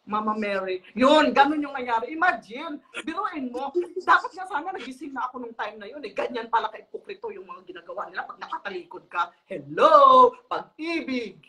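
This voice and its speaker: A woman's voice: a little high, expressive, fairly quick, a bit bright. A middle-aged woman, a guest on a live talk show, tells a story animatedly in casual chat, laughing often and stumbling over fillers.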